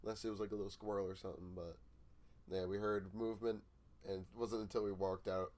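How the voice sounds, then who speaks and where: A man's voice: fairly low pitch, fast. A young man co-hosting a podcast, telling a story in casual chat and laughing as he goes. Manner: laughing storyteller, animated retelling. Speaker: podcast co-host.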